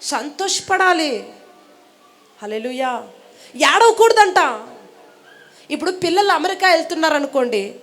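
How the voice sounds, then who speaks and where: A woman's voice: high voice, a bit bright. A woman preaching a sermon to a congregation, emphatic and repetitive, asking rhetorical questions. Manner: emphatic, repeating phrases. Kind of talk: Telugu sermon.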